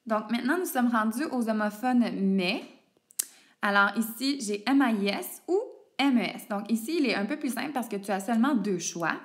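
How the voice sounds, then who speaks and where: A woman's voice: on the high side, lively intonation, normal speed. A woman, patiently explaining spelling rules step by step to a student and spelling words out letter by letter. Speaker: teacher. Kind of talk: explaining French homophones to a student.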